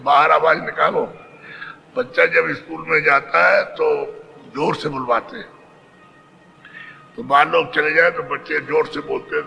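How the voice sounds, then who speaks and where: Gravelly bright-voiced preacher. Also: male voice, on the high side, rough recording. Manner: instructive, directly addresses the gathering. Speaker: spiritual teacher giving initiation. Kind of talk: devotional sermon. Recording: faint background noise.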